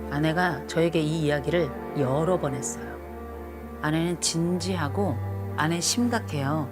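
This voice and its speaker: A woman's voice: low voice, measured pace. A middle-aged woman counseling a couple on TV, lecturing firmly and scolding. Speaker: marriage counselor. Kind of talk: TV counseling session. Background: background music.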